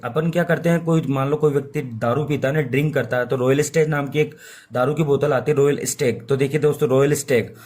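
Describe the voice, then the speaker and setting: A young man teaches English words in a chatty, informal lesson. He drills each meaning over and over, poses questions to his students and answers them himself. His voice sits at an ordinary middle pitch. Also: a little mellow. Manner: repetitive, asks questions and answers them himself, playful mnemonics. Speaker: vocabulary teacher. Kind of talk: informal Hindi-medium lesson.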